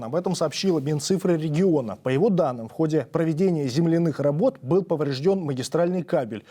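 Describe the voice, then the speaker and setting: Mellow, higher-pitched male news presenter. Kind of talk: scripted news narration.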